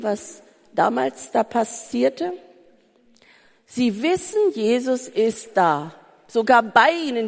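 A woman preaching a sermon, full of rhetorical questions and swinging between urgent pleading and soft calm. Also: on the high side, vocal fry. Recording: reverberant hall.

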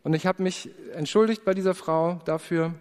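A man giving an earnest personal testimony in a sermon, telling his story with prayerful pauses. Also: sits high, steady tone, a little mellow, clear, resonant tone. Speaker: preacher. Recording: long hall reverb.

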